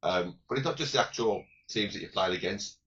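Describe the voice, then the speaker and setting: Deep-voiced, croaky man in casual chat. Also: fairly quick, fairly bright tone, muffled recording. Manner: rambling, repeats words and restarts, chatty. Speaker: podcast co-host. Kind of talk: casual fan podcast chat.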